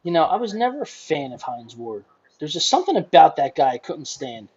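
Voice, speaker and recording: Brief: male co-host, slightly higher voice, relaxed, agreeable sports chat. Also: brisk, husky, lo-fi sound. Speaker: podcast co-host.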